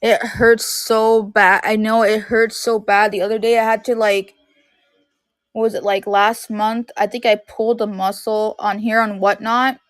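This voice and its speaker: A woman's voice: medium pitch, little pitch movement, a little slow, no room sound. Woman, thirties, home live-stream seller; loose rambling chat, dry close recording. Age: 30s. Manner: rambling, heavy use of "like". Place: at home in her room.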